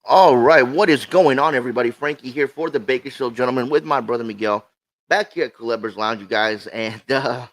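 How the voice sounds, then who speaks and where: A man's voice: mid-range voice, a little fast. A man co-hosting a livestream in casual, sweary chat, talking with a swollen lip. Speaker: co-host of a cigar show.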